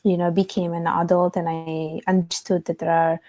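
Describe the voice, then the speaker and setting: Low, mellow-voiced woman guest from Italy. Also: level tone, moderate pace. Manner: reflective, storytelling with fillers. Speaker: guest, author. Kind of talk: conversational interview.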